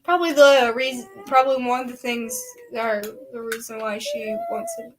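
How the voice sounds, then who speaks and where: A woman's voice: sits high, big pitch swings, normal speed, a little hiss or hum. A woman vlogging casually from a bedroom, rambling and chatty, slipping into baby talk with a toddler. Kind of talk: casual chat.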